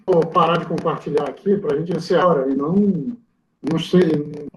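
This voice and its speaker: A man teaching an online class, his voice choppy and freezing on the video call as he talks haltingly and repeats words. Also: a little high, slight background noise. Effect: choppy, freezing video-call audio. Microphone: computer mic on a video call. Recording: muffled, echoey video-call audio.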